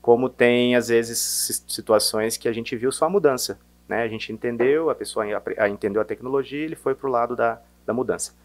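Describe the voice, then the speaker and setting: A man from Minas Gerais with a softened Mineiro accent, talking casually as a sales guest, hesitant with many restarts and fillers. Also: medium pitch, fairly quick, hardly any pauses. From Minas Gerais, Brazil. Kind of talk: casual interview chat.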